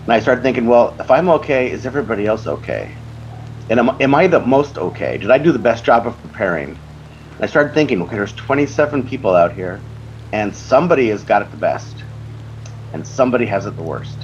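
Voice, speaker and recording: A man's voice: mid-range voice, big pitch swings, brisk, muffled recording, a little hiss or hum. A man, an organizer of the event, musing over a memory in an interview. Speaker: organizer and co-founder. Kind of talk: interview recollection.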